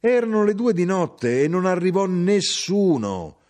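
A man voicing a brisk, proud old Sicilian mother. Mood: brisk recounting. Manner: animated, raised pitch for the mother's lines.

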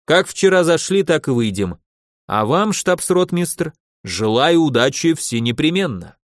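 A man's voice: fairly high pitch, big pitch swings, unhurried, no echo, studio quality. A man voicing a proud, jovial old-school hussar colonel in an audiobook, with a theatrical, boastful manner.

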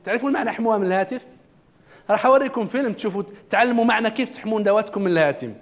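A man's voice: high voice, rapid-fire. A man giving a self-development lecture in a classroom, asking the audience questions as he goes. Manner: religious quotations in the talk. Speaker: trainer.

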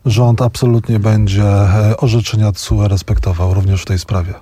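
A man commenting on politics as a guest in a radio studio. His voice is dark and mellow, with dry, close sound. He speaks frankly and in opinionated bursts, restarting words as he thinks. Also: fairly low pitch, level tone, normal speed, slightly rough, dry recording. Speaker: newspaper journalist, studio guest.

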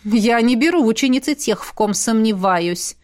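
A woman voicing a stern, dry-witted female demoness who heads a magic academy, speaking slowly and reproachfully. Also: on the high side, expressive, clean tone. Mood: warm.

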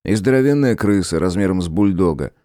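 A man reading a first-person audiobook in a gruff, sardonic storytelling manner. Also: sits low, animated, a little fast, warm tone, dry recording, clean studio sound. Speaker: audiobook narrator.

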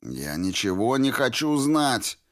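A man playing a tired, grim deserter who speaks curtly and flatly. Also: mid-range voice, slow pace, pitched above the performer's own voice. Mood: weary. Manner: tired, flat and curt. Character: weary, grim male deserter from the zone.

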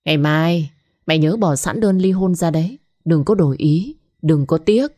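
A woman's voice: sits low, lively intonation, moderate pace, warm tone. A woman voicing a gloating, pregnant young mistress who taunts and then turns coy with her lover. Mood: furious.

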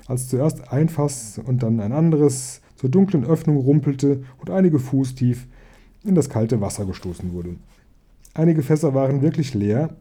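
A man reading a children's fantasy book aloud in a calm, even storytelling voice. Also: mid-range voice. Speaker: audiobook reader.

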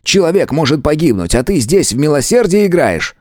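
A man's voice: a little high, very animated, fairly quick, a little mellow, no echo, studio quality, pitched above the performer's own voice. A man voicing a hot-tempered male detective who curses and presses his partner. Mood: angry. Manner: gruff and cursing.

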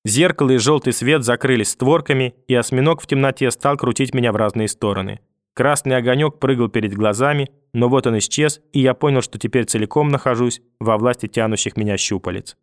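A man reads an audiobook in a calm, measured voice of middle pitch. The recording is dry and close, with no room sound. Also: no room sound. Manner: calm, measured, dreamlike storytelling. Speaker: audiobook narrator. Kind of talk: scripted narration.

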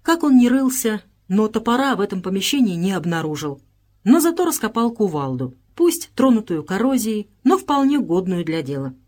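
A woman narrating an audiobook in a measured, even storytelling delivery. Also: medium pitch. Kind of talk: scripted narration.

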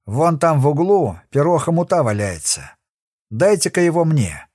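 A man's voice: fairly high pitch, very animated, moderate pace, a little mellow, no echo, clean studio sound. A man voicing a brutal, cruel male convict boss who threatens his victim in an audiobook. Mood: menacing. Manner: menacing, threatening.

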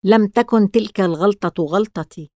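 A woman's voice: medium pitch, normal speed, warm tone, no echo, close to an everyday voice. Sinister mocking stranger in a storybook, dry and close, as a woman narrator puts him on. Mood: sneering. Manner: sneering, curt. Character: sinister mysterious man, sneering and easily frightened.

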